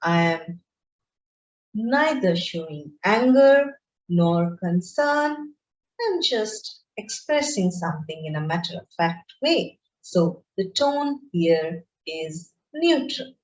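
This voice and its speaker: A woman teaches an online class at an unhurried pace. Her pitch rises and falls a great deal as she explains each point. The recording sounds roomy and a little muffled. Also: a little hiss or hum. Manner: slow, deliberate and explanatory, with lively pitch. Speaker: lecturer. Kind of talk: online lecture. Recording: roomy, dull lo-fi screen-share recording.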